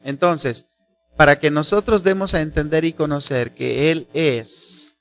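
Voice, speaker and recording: A man preaching a sermon, teaching slowly and deliberately, asking his listeners rhetorical questions and stretching out key phrases for emphasis. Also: a little high, a bit bright.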